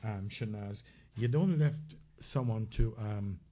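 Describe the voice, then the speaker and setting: This man's voice is lowish, slow, and mellow, with a Caribbean English accent. As co-host of a relaxed health talk show, he chats along with frequent fillers and false starts.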